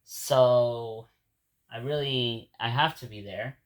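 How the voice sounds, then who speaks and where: Talking slowly, an Ecuadorian man with Spanish as his first language reflects casually on his day for his vlog audience. He has an average mid-range male pitch and frequently doubles back, repeating words and beginning sentences again.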